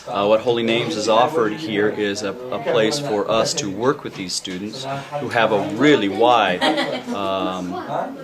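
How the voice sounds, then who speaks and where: Deep-voiced man teacher, halting speech. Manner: halting, many filler sounds. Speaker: middle school teacher. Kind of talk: casual explanation to camera. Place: busy school classroom. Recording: noisy classroom with chatter behind. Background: chatter of students.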